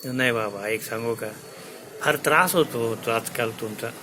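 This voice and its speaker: A man's voice: mid-range voice, moderate pace, noisy background, voice pushed down, close to an everyday voice. A man storyteller voicing the king's cold, dismissive grown daughter, who complains in a sweetly reproachful way. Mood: complaining.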